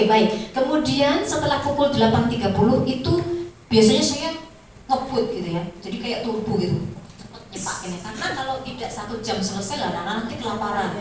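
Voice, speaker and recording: A middle-aged woman gives a lively lecture, slipping into acted-out voices as she tells her stories. Her voice sits high. She is recorded from some distance in a strongly echoing hall with a faint hiss behind her. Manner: animated storytelling, acts out voices, laughs often. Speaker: kindergarten teacher giving a talk. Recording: echoey room, voice from far off.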